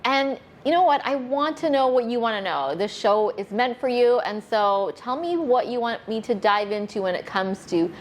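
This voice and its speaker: A woman's voice: fairly high pitch, animated, moderate pace, hardly any pauses. Upbeat woman hosting a chat show. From Canada. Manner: upbeat, friendly sign-off. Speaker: host. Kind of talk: casual chat with outro. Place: restaurant.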